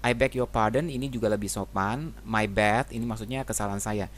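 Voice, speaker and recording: A man teaching English phrases in a relaxed, conversational way, often ending sentences with a tag question. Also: fairly low pitch, fairly quick, slight background noise. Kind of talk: casual explanatory lesson.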